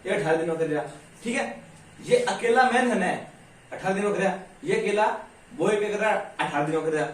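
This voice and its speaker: A man's voice: high voice, fast talker. A middle-aged man teaching a maths lesson in with a tinge, patient and always checking that students follow, slipping into rural dialect endings. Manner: patient, checks understanding constantly with "ठीक है?". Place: classroom. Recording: echoey room, mic far off, faint hiss.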